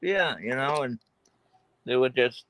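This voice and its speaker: A man's voice: mid-range voice, lively intonation, measured pace, fairly bright tone. A man with a Boston accent in casual chat on a live stream, rambling with many restarts.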